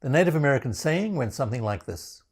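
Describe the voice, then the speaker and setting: A man's voice: medium pitch, expressive, fast talker, darkish tone, breathy edge. A man from Africa, presenting a scripted introduction with dry, self-mocking humor. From South Africa. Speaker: program founder presenting.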